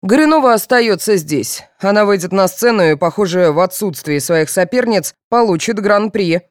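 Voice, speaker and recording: A woman's voice: mid-range voice, animated, moderate pace, no echo, voice pushed up, lightly acted. A woman reading a curt, unflappable police officer. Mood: curt, commanding. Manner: curt, commanding, dry. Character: stern middle-aged male police officer, unflappable. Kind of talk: audiobook character voice.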